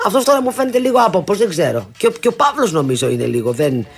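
A woman's voice: mid-range voice, big pitch swings, breathy edge, faint music behind. Blunt teasing woman gossip co-host. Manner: blunt, teasing, trails off and restarts. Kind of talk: casual celebrity gossip chat.

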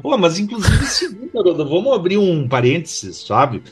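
A man co-hosting a casual podcast, telling joking anecdotes in an animated way. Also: sits high, moderate pace, over music. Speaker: podcast co-host. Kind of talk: casual chat.

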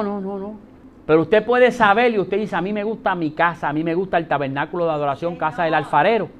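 A middle-aged male pastor with a high voice delivers a sermon. He preaches emphatically, dropping soft and then rising loud, and he repeats his key phrases for weight. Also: slight background noise.

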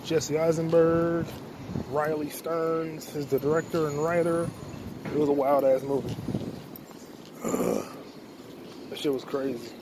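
Walking outside on a quiet street at night, a young man hosts a solo podcast, rambling, joking, and cursing freely in a loose, profane way. His fairly high voice is expressive and slow with frequent pauses, over a noisy background.

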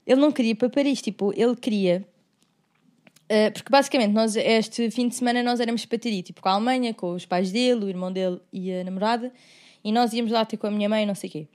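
A young woman, telling stories in a casual, animated, slangy podcast chat and acting out quoted remarks. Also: on the high side, fast talker. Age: young adult. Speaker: podcast co-host.

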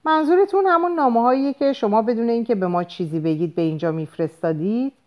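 A woman's voice: on the high side, animated, darkish tone, voice pushed up, natural voice. A woman voicing a cold, curt married woman answering the phone in an audiobook. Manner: cold and clipped.

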